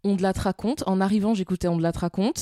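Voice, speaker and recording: A woman's voice: mid-range voice, fairly even intonation, fast, warm tone, no room sound. Chatty young Parisian woman, dry sound. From Paris, France. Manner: chatty, rambling with many fillers and restarts. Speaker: guest singer. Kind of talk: casual podcast chat.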